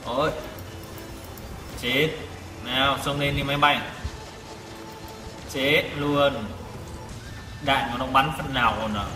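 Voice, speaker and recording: Speaking slowly with frequent pauses, this man has a medium pitch and fairly even intonation. He gives live commentary on a tank game, with exclamations and repeated short phrases, captured by a distant mic in a reverberant room over loud game music.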